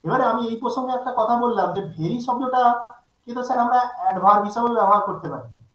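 A man's voice: very high voice, brisk, a bit bright, dull audio. Male teacher in an echoey online class. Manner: asks students frequent check questions. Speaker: English teacher. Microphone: video call.

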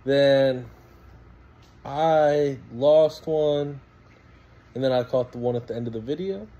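A man's voice: medium pitch, slow pace, dark tone, muffled recording. A man in his thirties, a fishing vlogger, talking in a loose, rambling way into a phone camera in a small storage room. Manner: laid-back, rambling recap with fillers. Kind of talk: casual vlog narration.

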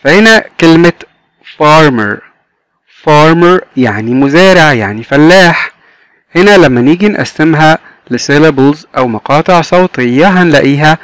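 A man with an Egyptian Arabic accent teaching an English lesson to young children, drawing out each English word slowly and clearly. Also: fairly high pitch, no room sound. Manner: slow, drawn-out English words.

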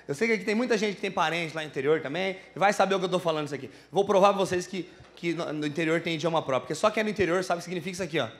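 Fast-talking countryside comic man. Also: a little high. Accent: São Paulo countryside caipira. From interior of São Paulo state, Brazil. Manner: animated, exaggerated rural slang. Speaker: stand-up comedian. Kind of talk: live stand-up comedy. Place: comedy bar stage before a live audience.

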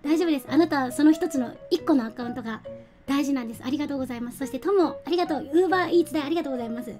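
A young woman chats with her viewers in a high, bright voice, laughing often and thanking them by name. She talks at a desk mic while faint music plays behind her. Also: very fast. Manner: chatty, giggly, reads out and thanks viewers. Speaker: game streamer. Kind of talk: casual live-stream chat.

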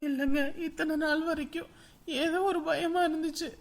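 A woman's voice: high voice, level tone, moderate pace. A woman playing a frightened young pregnant wife who speaks fearfully in a family drama. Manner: fearful, soft.

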